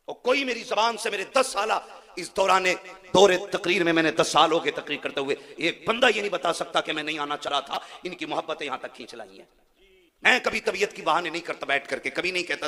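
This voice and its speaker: A male preacher tells a religious story in a sermon, moving from hushed narration to loud impassioned cries. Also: on the high side. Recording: long hall reverb from a live gathering.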